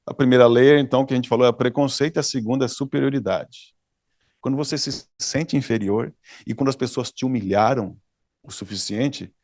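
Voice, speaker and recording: Um pastor brasileiro, com sotaque do Brasil, pregando um sermão, contando uma história com animação e dando risadas. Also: male voice, fairly low pitch, dry recording, studio quality. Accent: Brazilian Portuguese. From Brazil. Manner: animated storyteller, laughs often, acts out dialogue. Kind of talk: sermon with storytelling. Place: church hall, dry sound.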